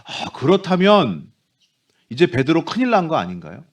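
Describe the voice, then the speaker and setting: A man preaching a Sunday sermon as pastor, animated, dropping into soft low voices for quoted speech. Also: moderate pace. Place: church sanctuary.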